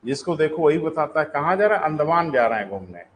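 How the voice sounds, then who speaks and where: A man teaching a live online class, explaining in a conversational way, calling his students "beta" and repeating key sentences slowly for them to write down. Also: fairly high pitch, sing-song, slight background noise, poor audio.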